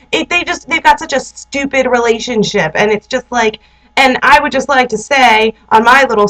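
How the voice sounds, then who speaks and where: A woman's voice: a little high, a bit bright, rough recording. A young woman recapping a TV episode in a chatty, sarcastic way, sitting indoors and using "like" constantly. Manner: chatty and sarcastic, heavy use of "like". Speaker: vlogger. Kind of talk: casual TV recap and advice.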